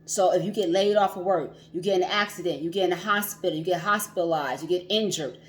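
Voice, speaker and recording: Female financial coach hosting a casual stream; low-pitched, chatty, repetitive, slight background noise. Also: quick pace. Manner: chatty, laughs often, repeats herself. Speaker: financial coach and livestream host. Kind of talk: casual livestream talk.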